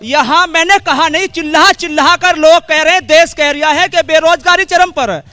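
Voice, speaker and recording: A man's voice: extremely high pitch, steady tone, moderate pace, bright, forceful tone. A male farmer in an outdoor public debate, arguing passionately and raising his voice. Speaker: farmer and party supporter in a debate.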